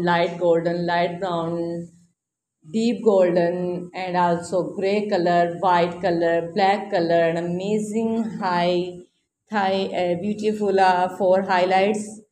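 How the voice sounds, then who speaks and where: Mellow woman in an echoey room. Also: on the low side, fairly even intonation, takes it slowly. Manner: effusive, repetitive. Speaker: YouTube host. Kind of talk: casual scripted-style video voice-over with repeated phrases. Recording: roomy echo, faint background noise.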